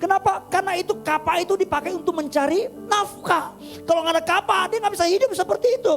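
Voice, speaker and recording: A male pastor from Indonesia telling a story in a sermon, dramatic and animated, with mouth sound effects. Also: very high-pitched, fast, faint music behind.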